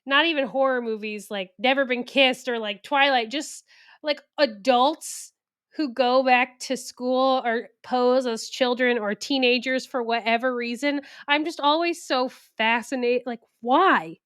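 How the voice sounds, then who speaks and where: A woman with a smooth, clear and slightly high voice, co-hosting a relaxed true crime podcast. She sounds a little tired but stays chatty and laughs easily. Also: a little slow. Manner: chatty, laughs often, self-deprecating. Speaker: podcast co-host.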